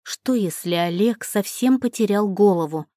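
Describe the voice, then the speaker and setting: A woman reading a first-person story aloud in a steady, measured way. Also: medium pitch, no room sound. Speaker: narrator. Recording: dry close recording.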